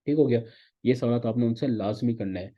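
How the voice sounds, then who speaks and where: A man teaches a recorded online course at a brisk, rapid clip, walking through each step and checking in constantly. His voice sits at an ordinary pitch for a man. The recording is dull and lo-fi. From Pakistan. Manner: repeats "theek hai" as a check-in, explains step by step. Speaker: course instructor.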